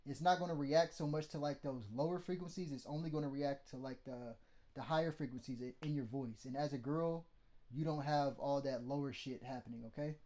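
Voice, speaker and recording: A mixing tutorial host with a mellow, mid-range voice teaches vocal mixing casually. He talks fairly quickly with fairly even intonation, bluntly and loosely, swearing and checking in with "okay?".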